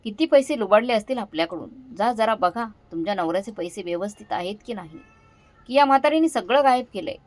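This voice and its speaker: Woman doing a scornful, shouting young daughter-in-law. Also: medium pitch, lively intonation, fast talker, no room sound, lightly acted. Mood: furious scorn. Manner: accusing, shouting.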